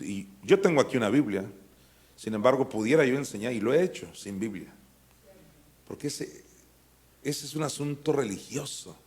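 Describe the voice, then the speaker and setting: A mid-pitched man teaching scripture verse by verse. He keeps it conversational, puts questions to his listeners, then pushes his voice up into emphatic peaks. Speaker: apostle teaching a Bible school.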